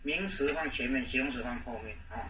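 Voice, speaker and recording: A man's voice: mid-range voice, pushed and bright. Taiwanese man teaching in an echoey room. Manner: repetitive, drawn-out, frequent "ha, oh" fillers. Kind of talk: language lesson lecture. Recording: echoey room, distant mic, faint noise.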